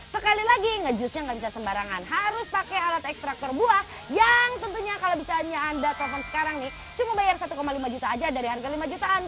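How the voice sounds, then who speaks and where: Very high-pitched, urgent home shopping saleswoman. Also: rough recording. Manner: urgent, insistent, chatty, repeats selling points.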